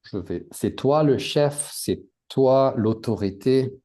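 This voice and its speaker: A man's voice: medium pitch, slow, dark tone. A man teaching a language class, patiently repeating words and adding English glosses for his students. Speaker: French teacher.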